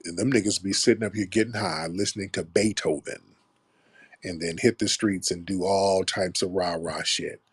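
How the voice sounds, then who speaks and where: A man's voice: deep voice, fairly even intonation, moderate pace, slightly rough, no echo. A man hosting a live call-in stream, talking bluntly with profanity and street stories. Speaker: show host taking callers. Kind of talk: casual live-stream talk.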